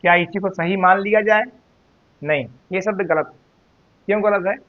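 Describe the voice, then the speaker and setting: A man teaching Hindi spelling, repeating each word slowly and calling his students "beta". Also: sits high, narrow, tinny audio. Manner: slow, drawn-out repetition of words, addresses students as "beta". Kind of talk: spelling and grammar lesson.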